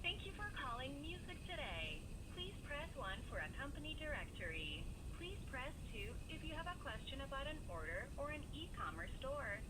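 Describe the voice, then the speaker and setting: A woman's recorded customer service message, played over a phone line, giving polite, measured menu prompts. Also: sits high, sing-song. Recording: distant phone playback with loud noise. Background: loud background noise.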